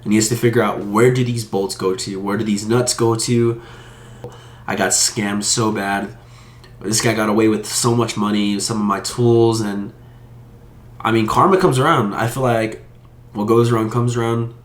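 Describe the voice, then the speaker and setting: Male vlogger, aggrieved and heated, lowish voice, echoey room. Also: steady tone, normal speed. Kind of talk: casual storytelling to camera.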